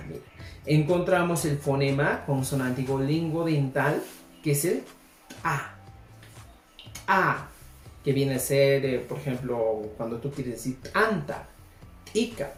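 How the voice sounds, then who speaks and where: A woman with a low, unhurried voice teaches a language lesson, sounding out syllables patiently for her students to repeat. Her voice rings in an echoey room, with faint music underneath. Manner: patient, modeling sounds slowly for learners to repeat. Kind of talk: spoken lesson with repetition drills.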